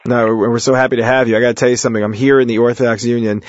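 An American man hosting a radio show in an informal, storytelling way, with halting speech that often repeats words. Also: medium pitch, flat delivery. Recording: muffled lo-fi internet phone audio, roomy echo.

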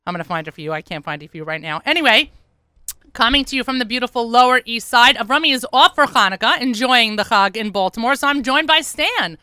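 A woman's voice: a little high, lively intonation, fast, bright, forceful tone, smooth, no echo. A woman hosting her weekly radio show in a studio, chatting in an upbeat, self-deprecating way while sounding worn out after an early start. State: tired. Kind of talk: casual radio chat. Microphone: studio microphone.

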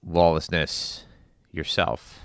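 A man delivering an earnest monologue on current events in deliberate, halting phrases with emphatic repetition. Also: low voice, fairly even intonation, fairly bright tone, clear, resonant tone, no room sound, studio quality. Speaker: spin class instructor.

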